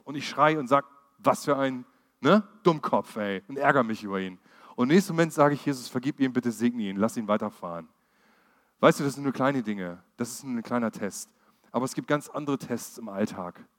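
A middle-aged man preaching a sermon in a church hall, his voice ringing with a long reverb. He talks straight to his listeners like a friend. He rises to loud, emphatic lines and then drops to quiet, low asides. His pitch sits in an ordinary middle range.

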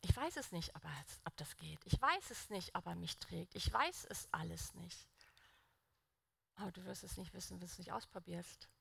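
A woman's voice: fairly low pitch, lively intonation, moderate pace, vocal fry, a bit bright, breathy edge, no room sound, studio quality. A young woman preaching a sermon in an earnest, conversational way, putting direct questions to the congregation.

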